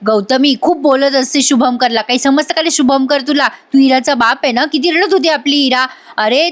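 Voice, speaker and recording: A woman's voice: sits high, natural voice. A woman reading as a scolding angry mother. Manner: scolding, indignant. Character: angry protective middle-aged mother.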